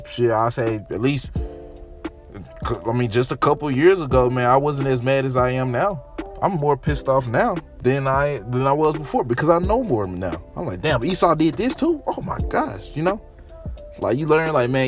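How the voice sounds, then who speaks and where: Man, casual street preacher, mid-pitched, faint music under the voice. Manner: casual slangy preaching, repeats himself, calls listeners "man". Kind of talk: informal sermon with scripture reading.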